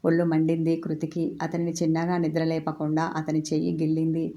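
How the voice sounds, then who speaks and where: Low, mellow woman storyteller. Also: completely flat delivery, fairly quick. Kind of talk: serial romance story reading.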